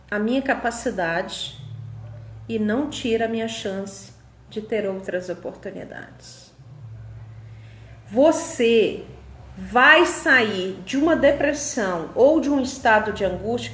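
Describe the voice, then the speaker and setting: Woman, self-help speaker, motivational talk, emphatic, slow stressed phrases, slightly high voice, echoey room. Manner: emphatic, tells listeners to take notes. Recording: roomy echo.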